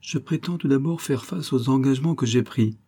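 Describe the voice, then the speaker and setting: A man reading aloud, voicing a calculating prince who answers in curt, measured sentences. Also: mid-range voice, mellow, slightly rough, pitched above the performer's own voice. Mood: cold. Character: calculating Italian prince, cold and controlled.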